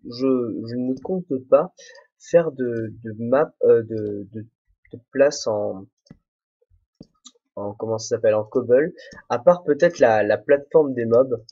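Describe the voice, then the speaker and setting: A young man chats casually over his gameplay, rambling and mocking himself as he goes. His voice is a little husky, mid-pitched, and the recording sounds dull and muffled, like a cheap home mic. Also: slow pace, warm tone. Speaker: let's play host. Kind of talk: casual solo gameplay commentary. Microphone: desk microphone, no headphones.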